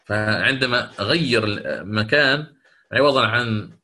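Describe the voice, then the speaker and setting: A man teaching Quranic recitation rules in a lecture, explaining step by step, asking questions back and slowing into drawn-out chanted recitation for the examples. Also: mid-range voice, sharp tone.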